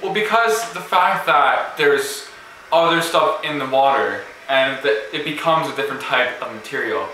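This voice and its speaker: A man's voice: medium pitch, normal speed, sharp tone. A man hesitantly improvising a confident but rambling explanation in casual chat. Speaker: guest answering a quiz question. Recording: echoey room with faint hiss.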